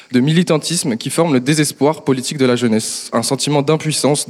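A man's voice: medium pitch, long reverb tail. A young man hosting a political discussion show, asking earnest questions of his guest. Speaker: show host interviewer.

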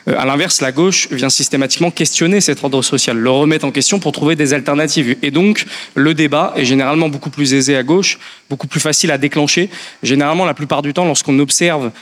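Male politician guest, quick and hesitant delivery, long reverb in a hall. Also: fairly high pitch, fairly even intonation, a bit bright. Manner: thoughtful, many hesitations and restarts. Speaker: member of parliament guest. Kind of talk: political discussion.

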